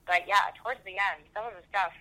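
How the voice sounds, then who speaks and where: A woman from Pennsylvania calling in to a podcast, heard over a phone line, chatty and candid, and quick to laugh. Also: medium pitch, pushed and bright. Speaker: listener calling in.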